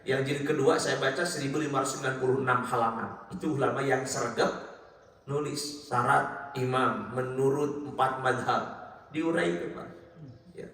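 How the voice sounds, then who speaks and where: Lively male mosque preacher, echoing hall. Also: mid-range voice, normal speed. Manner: lively storytelling, addresses listeners as Pak and Bapak Ibu. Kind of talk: mosque religious lecture. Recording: very echoey hall, mic far off.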